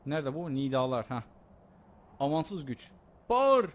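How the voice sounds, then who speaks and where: A young man casually commenting on his own gameplay, joking and excitable, talking to his viewers. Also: on the high side, brisk. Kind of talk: casual let's play commentary.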